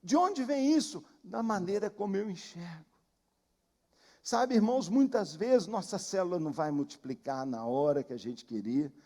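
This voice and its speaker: A Brazilian preacher delivers a sermon in a high voice, telling his story emphatically and repeating key phrases. He speaks in a church, and a long reverb trails every line. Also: animated, normal speed, mellow. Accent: Brazilian Portuguese.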